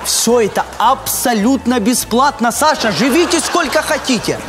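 A man's voice: extremely high pitch, animated, normal speed, music in the background. An actor playing an exasperated young landlord in a comedy sketch, a man pleading and sarcastic as he haggles. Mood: eager salesmanship. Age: young adult. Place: outdoor courtyard.

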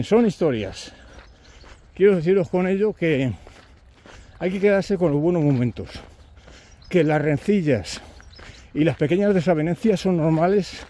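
Mellow-voiced man telling trail stories. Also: fairly high pitch. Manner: chatty anecdote-telling, chuckling, acting out companions' lines. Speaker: pilgrim vlogger. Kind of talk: casual storytelling to camera while walking. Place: outdoors on a rural walking trail.

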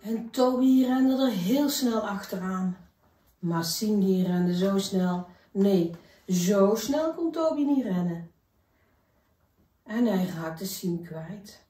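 A woman reading a children's story aloud in a gentle, expressive way. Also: medium pitch, slow pace, recorded from a distance, faint music behind. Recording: echoey room, voice from afar.

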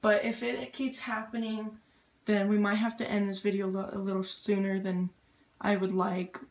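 A woman's voice: mid-range voice, level tone, normal speed. Woman, gamer, casual let's-play commentary, impatient, swearing, echoey room. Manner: impatient, swears, mutters to herself. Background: loud game music.

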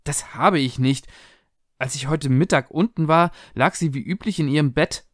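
A man's voice: medium pitch, animated, measured pace, no room sound, clean studio sound, natural voice. A man voicing a middle-aged mother who speaks in a soothing, justifying way, in a spoken storybook reading. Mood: defensive. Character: defensive middle-aged mother, calm but guarded.

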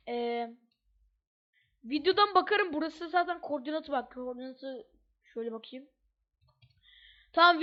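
A woman giving casual, chatty gameplay commentary as she plays, thinking aloud with slangy asides. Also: high-pitched. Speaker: gamer. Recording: dull lo-fi mic.

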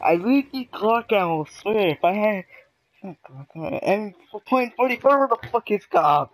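A young man playing a survival game with a friend, excitable and swearing, laughing often. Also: sits high, moderate pace, low-quality recording. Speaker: gamer. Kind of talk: casual gaming commentary.

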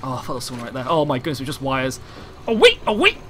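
A young man hosting co-op gameplay, hyper and jokey, squealing and shouting callouts. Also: medium pitch, huge pitch swings, very fast. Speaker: gaming channel host. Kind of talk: excited co-op gameplay commentary. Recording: game noise audible behind voice.

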